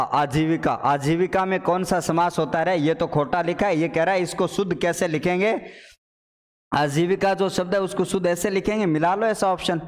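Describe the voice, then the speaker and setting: A man teaching a playful, animated online Hindi exam class. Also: a little high, long reverb tail. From Rajasthan. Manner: animated, playful, addresses students as children and brothers. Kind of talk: live online exam paper solution class.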